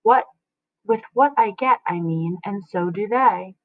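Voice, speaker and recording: A woman reading the lines of a witty young boy who asks quick, cheeky questions. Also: medium pitch, dry recording, lightly acted. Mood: questioning. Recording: tinny phone-like dry sound.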